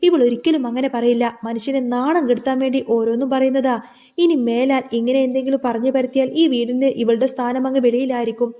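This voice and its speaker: A woman's voice: sits high, fairly even intonation, a little fast, mellow, long reverb tail, natural voice. A woman reading for a domineering mother-in-law. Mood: scolding. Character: domineering older mother-in-law, quick-tempered.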